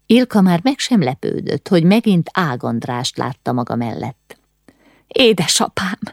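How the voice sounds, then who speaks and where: A woman's voice: deep voice, big pitch swings, gravelly, a little mellow, no room sound, studio quality. A woman reading a novel aloud as an audiobook narrator, voicing the dialogue with urgent, rising lines in tense moments. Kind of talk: scripted narration.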